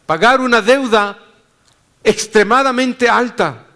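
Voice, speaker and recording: A man pastor preaching a sermon in slow, deliberate phrases, dropping low and soft at the ends. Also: lively intonation.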